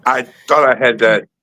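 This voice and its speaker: Stream host, man, bright voice, easygoing and jokey. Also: mid-range voice. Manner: joking, easygoing, thinks aloud. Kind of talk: casual chat.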